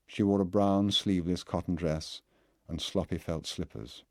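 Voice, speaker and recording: A man reading a literary novel aloud as an audiobook narrator, in a measured, deliberate way. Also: sits low, fairly even intonation, no echo, studio quality.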